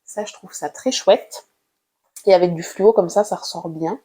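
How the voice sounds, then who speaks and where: A woman casually showing her drawing supplies in a vlog, talking gently and hesitantly with many fillers. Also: on the low side, husky. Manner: hesitant, with frequent "euh" fillers; unhurried and gentle. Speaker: art vlogger. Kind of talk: casual show-and-tell about drawing supplies.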